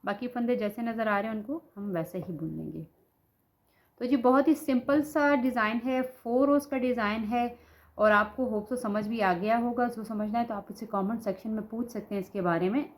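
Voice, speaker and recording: A woman's voice: on the high side, fairly even intonation, normal speed. A woman giving a patient step-by-step knitting tutorial, talking through each stitch with a sore throat. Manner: patient, repeats "ठीक है" as she demonstrates. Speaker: knitting instructor.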